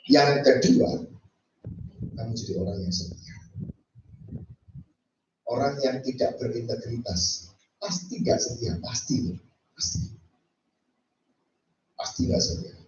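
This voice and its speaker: A man preaching a sermon as pastor, animated, acting out quoted speech and mixing in English phrases. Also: medium pitch, slow, pauses often, a little hiss or hum. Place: church. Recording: echoey church hall from far off, dull sound.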